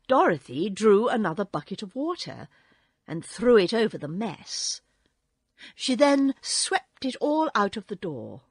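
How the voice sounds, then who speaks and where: A woman reading a classic children's book aloud in a slow, expressive storytelling way. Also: mid-range voice, husky, dry recording, studio quality.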